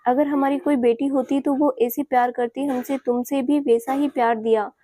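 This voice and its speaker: A woman's voice: high voice, fairly even intonation, moderate pace, warm tone, dry recording, clean studio sound. A woman voicing a kind, middle-aged mother-in-law who speaks soothingly to her daughter-in-law in an audio story. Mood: affectionate.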